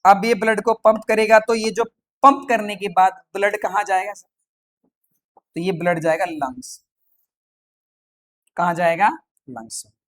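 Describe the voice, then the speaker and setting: Teacher, male, playful quiz style, rapid question-and-answer patter for exam prep. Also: high voice, a bit bright. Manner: quizzes by asking questions and answering them himself; playful, chatty, mixes English terms into speech. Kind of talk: exam-prep science lecture.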